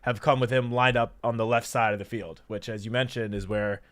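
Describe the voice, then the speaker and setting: A man's voice: mid-range voice, steady tone, fairly quick, fairly bright tone. A man co-hosting a sports show in casual, conversational football discussion.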